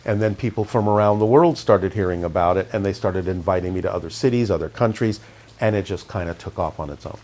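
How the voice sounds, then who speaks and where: A calm, measured middle-aged man shares stories from his past as a guest in an interview. Originally from Canada, he grew up in California, and his low-key delivery suits the reflective storytelling.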